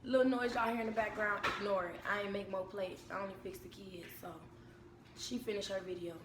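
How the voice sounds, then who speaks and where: A young American woman chatting casually to camera at home, telling stories in an informal, unhurried way. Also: mid-range voice, steady tone. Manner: informal, unhurried storytelling with repeated phrases. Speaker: vlogger and mother. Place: indoors at home. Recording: echoey room with background noise.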